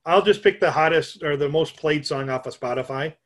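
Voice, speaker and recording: A man's voice: fairly high pitch, fairly quick, a bit bright. A middle-aged man from Minnesota co-hosting a podcast, rambling and joking in casual chat. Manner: rambling, joking, self-mocking. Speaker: podcast co-host.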